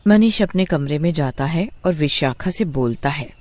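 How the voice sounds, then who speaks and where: A man's voice: on the high side, animated, moderate pace, darkish tone, no echo. A man narrating a kids' storybook in a plain storytelling manner.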